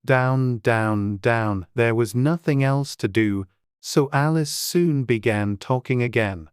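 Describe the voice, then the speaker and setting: An audiobook narrator reading a children's story in a measured, deliberate storytelling way. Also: mid-range voice, clean tone, no echo, clean studio sound.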